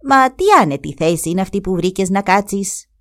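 A woman's voice: medium pitch, lively intonation, lightly acted. A woman voicing a boastful, mischievous male hare trickster in a storybook tale. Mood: teasing. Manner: boastful, teasing.

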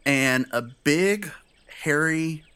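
A man's voice: on the high side, expressive, extremely slow, sharp tone, smooth. A man working as game master, narrating a tabletop game and explaining rules in a casual, conversational way.

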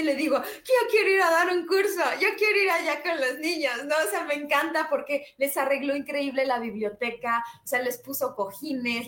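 A woman's voice: on the high side, roomy sound. A Mexican woman hosting a self-esteem course in casual, upbeat live-stream talk, chatty and reading viewer comments aloud.

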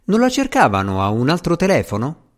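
A man's voice: a little high, huge pitch swings, a little fast, pitched above the performer's own voice. A man voicing a gracious, affectionate middle-aged duchess in an audiobook reading.

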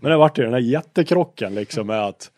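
A man's voice: medium pitch, dry recording. A man, a rally co-driver, telling stories casually in an interview, swearing freely and acting out old quarrels. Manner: lively storyteller, swears freely, acts out quarrels.

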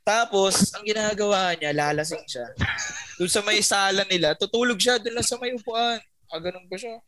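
A man's voice: high voice, moderate pace, a crowd in the background. A man, a podcast guest telling stories in casual chat and laughing often. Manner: laughs often, animated storytelling.

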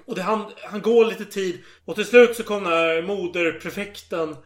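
A high-voiced man tells a story in an animated, casual way, keen to act out every quote he repeats. There's a noticeable echo from the room.

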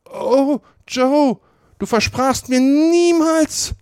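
A man reading aloud and voicing a frightened accused vagabond who sobs in a high, wailing falsetto. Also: unhurried, darkish tone, breathy edge, no echo, clean studio sound, exaggerated voice. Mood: sobbing despair.

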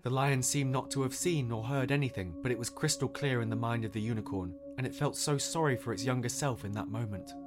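A man who hosts a podcast, calmly narrating a fairy tale in a measured storytelling voice. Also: medium pitch. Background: music.

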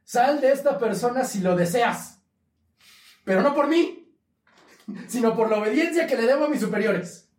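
A man voicing a bumbling, simple-minded male saint who talks in a high, fretful, pleading way. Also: animated, moderate pace, long pauses. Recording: roomy echo, mic at a distance.

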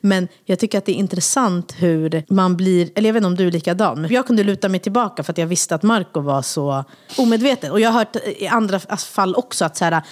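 A young woman co-hosting a casual podcast, talking in a reflective, chatty way with quick asides. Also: fairly low pitch. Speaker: podcast co-host. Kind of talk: casual chat.

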